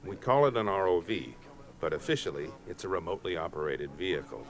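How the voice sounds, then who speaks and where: A man's voice: low voice, expressive, fast talker. A man with an American accent, an oceanographer narrating a nature documentary from a script. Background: music.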